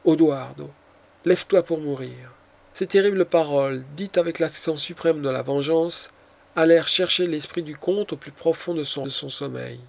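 A man narrating a classic novel as an audiobook, with a measured, dramatic reading. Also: a little high, creaky.

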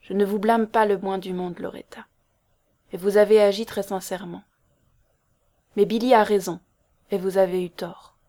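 A woman's voice: medium pitch, steady tone, normal speed, long pauses, dark tone, natural voice. Casting: woman reading an insistent, agitated young man in a storybook, stern and pressing.

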